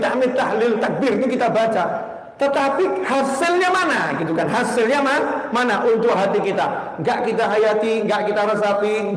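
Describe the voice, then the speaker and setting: High-voiced man preaching in echoey hall. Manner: shifts from hushed prayer to raised urging. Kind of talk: sermon. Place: prayer hall.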